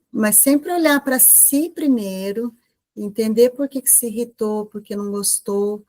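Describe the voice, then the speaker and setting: A woman's voice: medium pitch, dry recording. Brazilian lady giving a talk to a group, keeps asking rhetorical questions, dry sound, medium voice. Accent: Brazilian Portuguese. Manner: conversational, full of rhetorical questions and tag questions. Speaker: guest speaker at a women's group meeting.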